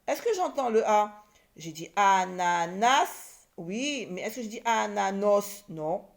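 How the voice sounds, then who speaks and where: A primary school teacher gives a reading lesson to young children, sounding out words syllable by syllable and repeating them. Her medium-pitched voice is very animated and darkish in tone, at a moderate pace.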